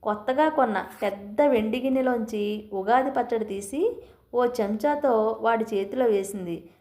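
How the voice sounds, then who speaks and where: A woman reading a short story aloud and chatting gently with her listeners as the host of her own channel. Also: on the high side. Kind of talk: scripted story narration. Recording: roomy echo.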